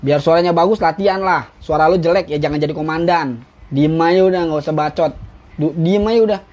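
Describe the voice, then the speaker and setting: On a dull, lo-fi live stream, a young man casually teaches drill commands, reading from a rulebook with blunt jokes. His voice is fairly high and darkish, and he talks fast.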